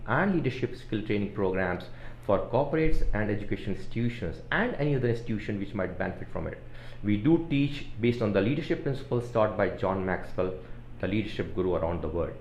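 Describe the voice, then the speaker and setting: Upbeat man interviewer, low voice, echoey. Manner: upbeat, enthusiastic greeting. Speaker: interviewer, leadership coach. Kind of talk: scripted interview questions.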